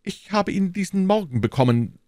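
A man voicing an anxious, fussy middle-aged landlord in an audiobook, in a high, strained, wordy and timid voice. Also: lively intonation, moderate pace, a little mellow, no room sound, clean studio sound. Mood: fretful. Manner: wordy, timid, eager to please. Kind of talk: audiobook reading.

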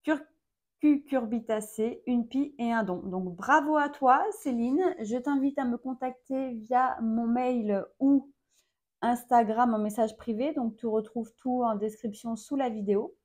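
Woman, 30s, vlog host, casual talk to camera, slow unhurried pace, frequent hesitations, fairly high pitch. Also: a little mellow. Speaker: vlog host, mother of four.

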